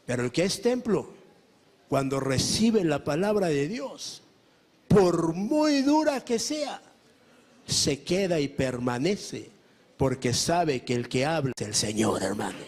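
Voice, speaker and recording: Mexican male pastor, emphatic sermon delivery, high-pitched and unhurried, keeps calling on his brothers. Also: sing-song, darkish tone. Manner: emphatic preaching, often calling listeners brother; asks the congregation rhetorical questions.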